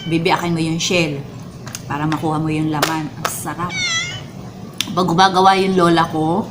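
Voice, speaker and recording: Filipino woman, lowish pitch, casual mukbang vlogger, eating while talking, chatty with viewers, noticeably noisy recording. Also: level tone, moderate pace. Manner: talks while eating and savouring food; chatty, addresses viewers directly. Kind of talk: casual mukbang eating vlog, tasting sweets.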